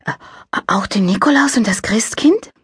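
A woman's voice: mid-range voice, animated, a little slow, darkish tone, breathy edge, no room sound, studio quality, voice pushed up. A woman voicing a small, easily frightened girl who stammers. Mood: timid, unsure.

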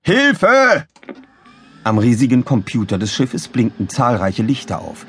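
A man narrating a children's audiobook in a lively, expressive reading, close to a studio mic. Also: on the low side, normal speed, breathy edge. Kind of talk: scripted children's story narration. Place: recording studio.

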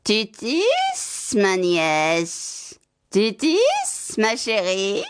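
Shrill old witch, put on by a woman narrator, cruel and scolding. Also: huge pitch swings, very slow, smooth, full character voice. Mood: sly.

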